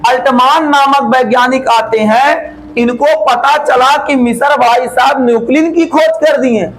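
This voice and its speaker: A man teaches biology at a slow, drawn-out pace. He quizzes the class and then answers his own questions, slipping into folksy dialect. A faint hiss sits under the recording. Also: extremely high pitch, fairly bright tone, poor audio. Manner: asks and answers his own questions, drawls key words slowly. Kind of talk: classroom lecture.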